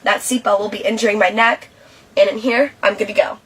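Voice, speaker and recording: A woman's voice: medium pitch, fairly even intonation, brisk, fairly bright tone. A woman presenting a safety training video, explaining and demonstrating to viewers in an instructional walkthrough style. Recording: distant mic, clearly noisy ambience.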